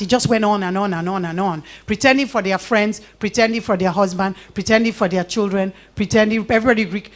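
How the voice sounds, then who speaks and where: A middle-aged woman with a Nigerian accent speaks to an audience at a live talk. Her voice sits at an ordinary middle pitch, and she tells her stories with animation, acting out little exchanges and laughing along the way. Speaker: invited speaker.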